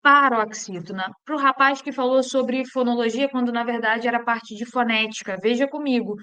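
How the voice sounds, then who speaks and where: A Brazilian woman teaching an exam-prep grammar lesson in a somewhat high voice. She keeps asking the class questions and answering them herself. When she lays out a rule she slows right down and stresses each item. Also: bright, forceful tone, clean tone. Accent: Brazilian Portuguese. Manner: drills with questions, slowing to spell out rules.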